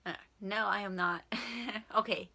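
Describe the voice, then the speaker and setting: A woman's voice: mid-range voice, fairly even intonation, a little slow, gravelly, sharp tone. A young woman from Washington State with a speech impediment, saying w for r, chatting frankly and informally in a question-and-answer vlog. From Washington State, USA. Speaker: vlogger.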